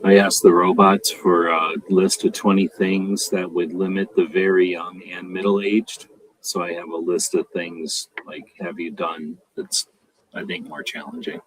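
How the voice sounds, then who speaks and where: A man's voice: sits low, little pitch movement, unhurried, rough recording. A man on a podcast panel, rambling casually with many fillers. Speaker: panel guest.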